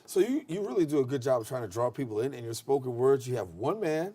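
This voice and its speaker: A man's voice: medium pitch, very animated, fast, warm tone, breathy edge. A man hosting a conversational interview, asking questions and introducing his guest. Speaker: interview host.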